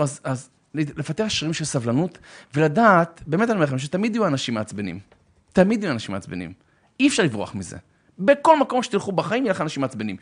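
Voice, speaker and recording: A man giving theatrical, animated advice on marriage, acting out arguments and calling listeners brother. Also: fairly high pitch. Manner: theatrical, acts out both sides of arguments, bursts into shouts; addresses listeners warmly as brother. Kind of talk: animated religious talk on relationships.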